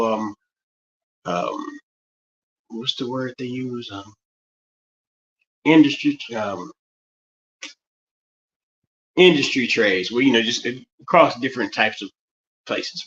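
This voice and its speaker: A man's voice: mid-range voice, fairly bright tone, lo-fi sound. A man with a West Virginia Appalachian accent rambling through a casual livestream monologue, often repeating and restarting his phrases. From West Virginia, United States.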